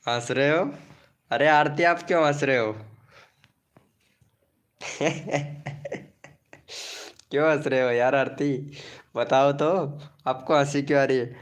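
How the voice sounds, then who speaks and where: A man hosts a casual live stream to promote channels. He teases viewers by name in a playful, chatty way. His voice sits at an ordinary middle pitch. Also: fairly even intonation, normal speed.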